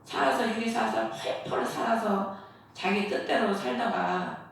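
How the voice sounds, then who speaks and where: A woman's voice: medium pitch, unhurried, gravelly, a little hiss or hum. Woman pastor, earnest sermon delivery, heavy hall echo, distant mic. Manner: earnest preaching, asks rhetorical questions. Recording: echoey hall, voice from far off.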